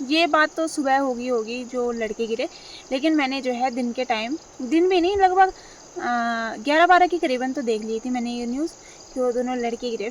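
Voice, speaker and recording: A young woman talking casually to her viewers in a rambling way, repeating herself and filling pauses. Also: high-pitched, a little hiss or hum. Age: young adult. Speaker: vlogger. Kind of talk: casual talk to camera.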